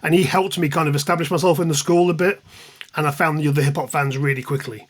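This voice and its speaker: This interview guest is an English music journalist and author in his fifties, originally from the East Midlands. He speaks fast in a slightly high, steady voice, swapping self-mocking stories as he looks back casually on the past.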